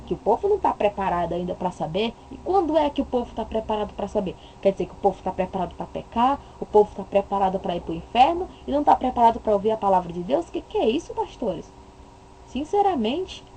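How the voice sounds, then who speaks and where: A woman's voice: mid-range voice, very animated, fast, mellow, slight background noise, low-quality recording. A woman with a Brazilian Portuguese accent giving an impassioned religious monologue, emphatic and full of rhetorical questions. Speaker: religious commentator.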